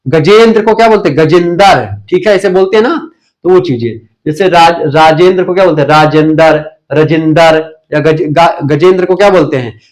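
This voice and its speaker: Hindi teacher drilling a live class. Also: male voice, a little high, brisk, a little mellow. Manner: drilling, asks questions then answers them himself. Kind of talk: live online revision class.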